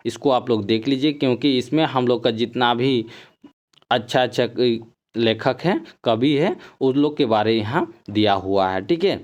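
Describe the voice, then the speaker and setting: A man's voice: medium pitch, darkish tone. A man teaches an exam-prep class, reading poem lines aloud and then explaining them, and he keeps repeating "ठीक है". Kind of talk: explaining poems in a recorded class. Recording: dull lo-fi sound.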